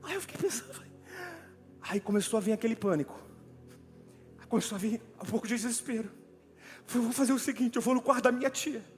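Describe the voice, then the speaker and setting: High-voiced preacher in a hall. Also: male voice, fast talker, long pauses. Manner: animated storytelling, addressing listeners as brother. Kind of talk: sermon with personal story. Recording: long hall reverb with faint music.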